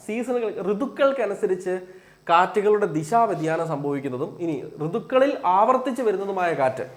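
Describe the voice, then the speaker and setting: A man teaching an exam-prep lesson with a Malayali accent, asking questions and answering them himself and repeating key points. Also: high voice.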